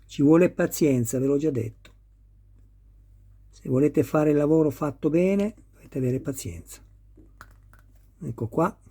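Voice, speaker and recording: Male hobbyist, slightly raised pitch, husky tone, patient step-by-step tutorial. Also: measured pace, pauses often, warm tone. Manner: patient, talks viewers through each step. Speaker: model kit builder. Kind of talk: hands-on assembly tutorial.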